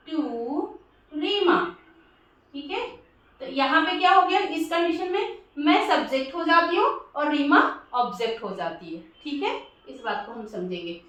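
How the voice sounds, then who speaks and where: High-voiced woman teaching in an echoey room. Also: a bit bright. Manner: patient, repeats points with frequent "ठीक है"; slows down to spell out example sentences while writing. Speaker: English grammar teacher. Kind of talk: classroom-style explanation. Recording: very echoey room, distant mic.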